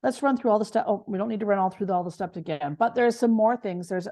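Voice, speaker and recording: A woman's voice: mid-range voice, quick pace, warm tone. A woman co-teaching a casual online class, talking with passion and often stumbling over her words. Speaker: essential oils class co-teacher.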